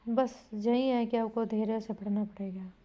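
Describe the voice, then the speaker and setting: A woman drills Hindi spelling with exam students, repeating each word and asking the class questions. Her voice is a little high and mellow, with a steady tone and moderate pace, and the recording sounds muffled.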